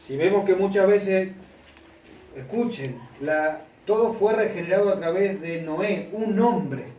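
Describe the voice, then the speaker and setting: A man's voice: sits high, measured pace, warm tone, dull audio, a little hiss or hum. A man preaching a sermon, who keeps asking the congregation whether they follow him. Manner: asks the congregation for constant confirmation. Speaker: pastor. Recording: echoey room, mic at a distance.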